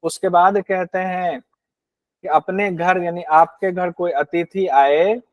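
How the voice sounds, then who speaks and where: A man's voice: high voice, steady tone, slow pace, no room sound, muffled recording. A man teaching a Hindi lecture on scripture, explaining verses and asking and answering his own questions. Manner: acts out rude and grudging hosts in quoted asides.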